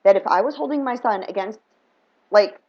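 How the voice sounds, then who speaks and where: A woman's voice: medium pitch, moderate pace, darkish tone. A woman telling a heated personal story in an emphatic, fired-up way, acting out the dialogue as she goes. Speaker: spiritual reader and vlogger. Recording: dull lo-fi sound.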